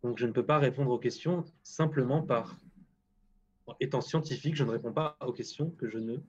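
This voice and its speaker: A man's voice: medium pitch, normal speed, darkish tone, breathy edge, lo-fi sound. A man with a French accent, guest agroclimatologist on a live stream, talking bluntly and often restarting sentences. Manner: blunt, self-deprecating, lots of restarts.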